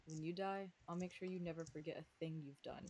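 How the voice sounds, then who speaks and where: A woman's voice: deep voice, brisk, darkish tone, slight background noise. Bitter guilt-haunted young man, read by a woman. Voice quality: slight lisp.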